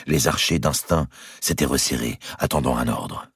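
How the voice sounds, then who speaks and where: A man narrates a historical audiobook in a very deep, gravelly voice with lively intonation. The sound is husky and dry, recorded close to the mic. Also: dry recording. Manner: measured storytelling.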